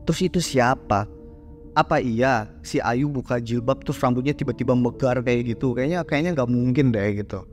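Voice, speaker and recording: A man's voice: medium pitch, moderate pace, soft background music. A man hosting a horror story show, telling it in a casual, slangy way and acting out the characters' lines. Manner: slangy, chatty, acts out the characters' quoted lines.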